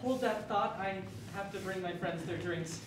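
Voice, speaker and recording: A man's voice: sits high, normal speed, natural voice. An actor playing an eager, slightly nervous young man on a theater stage, recorded from a distance. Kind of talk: stage musical acting. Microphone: far room mic. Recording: echoey noisy stage from far off.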